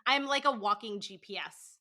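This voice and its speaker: A woman in her thirties speaks in a medium-pitched, bright, forceful voice as a casual podcast guest. Her chatty interview talk is loaded with likes and fillers, and she laughs quickly and often.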